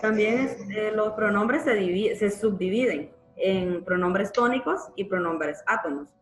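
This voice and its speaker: A woman's voice: mid-range voice, measured pace, soft background music. Patient woman teacher in a roomy room. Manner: patient explaining, frequent tag questions. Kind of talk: live online grammar class. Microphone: computer mic in a live online class.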